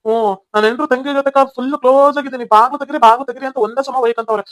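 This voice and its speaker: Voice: high voice, fairly even intonation, racing, fairly bright tone, no room sound. A performer with a North Karnataka Kannada accent voicing a smug, swaggering cheating husband in a cartoon comedy. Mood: scornful. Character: smug cheating husband, rich village man.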